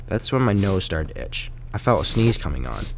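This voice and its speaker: A man's voice: low voice, big pitch swings, brisk, vocal fry, slight background noise, full character voice. A man playing an aggrieved, folksy wolf who narrates his side of a storybook radio play in a conversational, wry, self-justifying way. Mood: wry storytelling. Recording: loud music under the voice. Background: guitar music.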